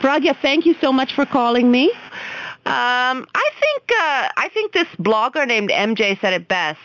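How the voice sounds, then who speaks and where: A woman's voice: high voice, big pitch swings, a bit bright, no echo. A woman hosting a casual call-in radio show, chatty and encouraging with callers. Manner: chatty and encouraging, quick to laugh. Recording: dull lo-fi radio with faint hiss.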